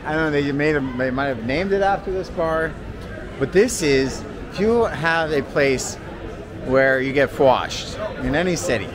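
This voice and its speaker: A travel vlogger with a voice on the high side walks city streets and pubs with a handheld camera, talking casually in a chatty, slangy way at a measured pace. Street crowds and music can be heard behind him.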